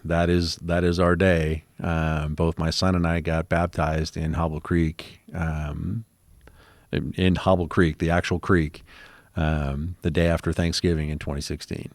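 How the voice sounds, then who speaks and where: Interviewee, man, very low voice, chatty rambling storyteller, dry recording. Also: flat delivery, a little slow, dry recording. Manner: rambling storyteller with many ums, acting out quoted exchanges.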